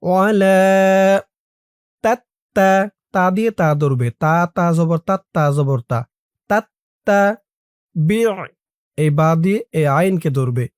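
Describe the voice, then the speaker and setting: A Quran reading teacher giving a lesson, sounding out each syllable and rule, then reciting the verse slowly in a slightly higher voice. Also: a little mellow, dry recording, studio quality. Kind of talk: Quran reading lesson, spelling out letters and vowels.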